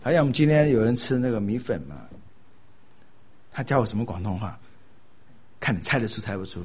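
An older man from Taiwan, giving a sermon with animated storytelling and laughing at his own jokes. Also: medium pitch, fairly quick.

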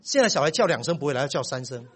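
Husky-voiced, animated middle-aged male pastor. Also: medium pitch, very fast. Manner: animated storytelling with big swings in loudness. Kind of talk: sermon.

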